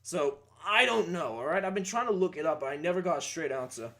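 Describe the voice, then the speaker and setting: A man's voice: a little high, lively intonation, quick pace, bright, forceful tone. A young man giving a rambling, casual opinion rant about a video game, swearing and breaking into outbursts. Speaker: gaming YouTuber.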